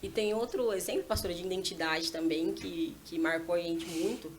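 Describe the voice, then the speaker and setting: A woman in her thirties, a mother telling a lively personal story as a podcast guest and acting out her conversations with her small daughter. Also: fairly low pitch, normal speed, a little hiss or hum. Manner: animated, acts out dialogue with her child. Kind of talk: casual storytelling testimony. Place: church podcast setting.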